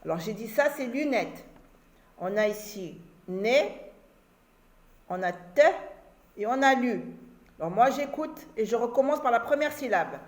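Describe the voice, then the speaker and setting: Lady teacher talking real slow to kids, breaking words into syllables, echoey room. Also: on the high side, animated. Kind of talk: primary reading lesson.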